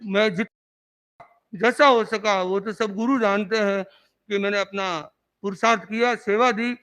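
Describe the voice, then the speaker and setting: A man's voice: high voice, steady tone, unhurried, fairly bright tone. A man, a monk, giving an earnest, reverent memorial speech that recounts remembered conversations. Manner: earnest storytelling, acting out remembered dialogue; reverent, devotional. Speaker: Jain monk.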